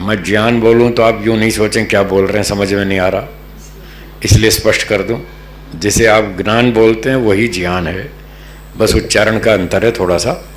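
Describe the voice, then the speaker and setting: A man from Delhi giving a religious philosophy discourse as a spiritual teacher, patient and explanatory, repeating key terms. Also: on the low side. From Delhi, North India. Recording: echoey hall with faint hum.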